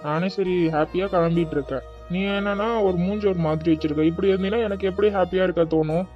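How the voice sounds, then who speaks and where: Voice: medium pitch, steady tone, fast, soft background music, close to an everyday voice. A voice actor playing an impatient young adult son in a cartoon, coaxing his mother in an exasperated way. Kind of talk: cartoon voice acting. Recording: dull lo-fi dry recording.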